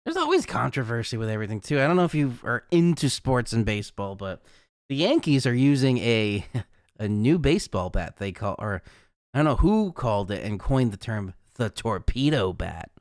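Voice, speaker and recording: A man's voice: medium pitch, very animated, normal speed, no echo, studio quality. A man hosting a casual live weather forecast, chatty and rambling, who laughs at his own jokes.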